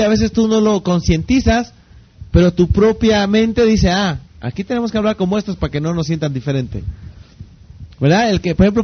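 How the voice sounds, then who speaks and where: High-voiced man lecturing with rhetorical questions. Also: dull audio. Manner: keeps asking rhetorical check-in questions. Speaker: leadership speaker. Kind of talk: lecture to an audience.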